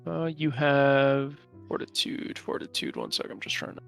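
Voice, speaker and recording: A man acting as game master, narrating and refereeing a tabletop role-playing game in an informal, halting way. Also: medium pitch, expressive, gravelly, fairly bright tone, smooth, soft background music. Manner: informal, halting while checking rules.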